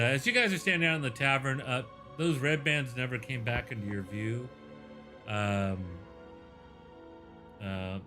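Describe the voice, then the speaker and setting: A man narrating a tabletop game as game master, in a loose, rambling way. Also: on the low side. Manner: loose, filler-heavy storytelling.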